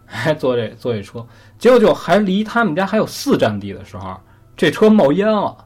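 A man's voice: a little high, sing-song, fairly quick, slightly rough. A man telling a story in a chatty, conversational way, often asking the listener questions. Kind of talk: casual spoken storytelling.

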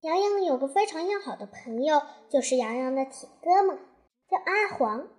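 A woman narrating a children's story in a lively, expressive way. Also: high-pitched, moderate pace.

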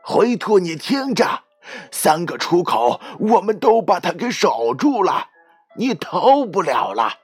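A gravelly, bullying wolf, as a man puts him on, bellows his threats into a rabbit's burrow. His voice rises and falls widely as he shouts. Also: high voice, big pitch swings, takes it slowly, soft background music, voice pushed up, full character voice. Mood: menacing. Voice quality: hoarse. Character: menacing hoarse male wolf.

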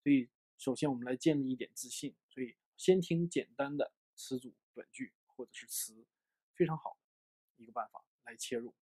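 A man from China giving an English lesson, explaining with lots of fillers and lively emphasis. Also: mid-range voice, moderate pace, slightly rough. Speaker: English teacher. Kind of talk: online lesson.

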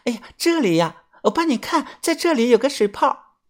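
A narrator voicing a sweet, coy young woman who talks softly and pleadingly. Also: fairly high pitch, big pitch swings, moderate pace, voice pushed up.

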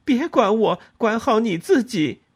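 A man doing a furious shouting young woman. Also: high voice, sing-song, a little slow, slightly rough, voice pushed up, full character voice. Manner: shouting, cutting, accusing.

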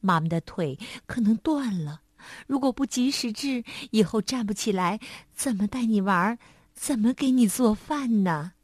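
A woman voicing a gentle, caring mother monkey in a storybook, soft and soothing. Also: lively intonation, normal speed, no room sound, clean studio sound, lightly acted. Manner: soft, low and soothing, partly hushed.

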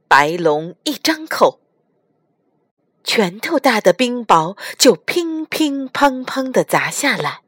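Woman storyteller for children, very slow and lively, husky, dry close sound. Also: mid-range voice, no room sound. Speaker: storyteller mother.

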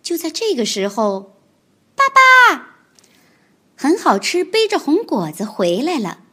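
A woman reading a children's picture book aloud, with expressive storytelling. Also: sits high, normal speed, husky.

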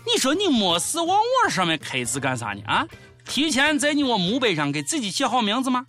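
Shaanxi accent guy hosting comedy, bright voice, exaggerated and sarcastic, faint music behind. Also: very high voice, huge pitch swings, a little fast. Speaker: comedic show host. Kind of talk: scripted comic commentary.

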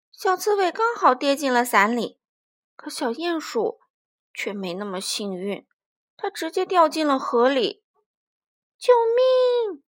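A woman narrating a children's story in a gentle, expressive way. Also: high voice.

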